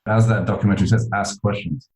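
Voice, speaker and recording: A man's voice: on the low side, steady tone, quick pace, darkish tone, echoey room, rough recording. A man guest speaking on a call, talking loosely with lots of "like" and "you know" fillers. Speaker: cave explorer and guest. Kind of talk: casual interview on a call.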